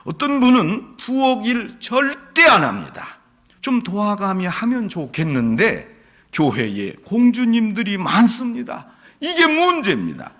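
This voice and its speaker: A male pastor preaching a sermon, telling stories in an animated way and acting out what people say. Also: high-pitched, measured pace. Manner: animated storytelling, acts out quotes.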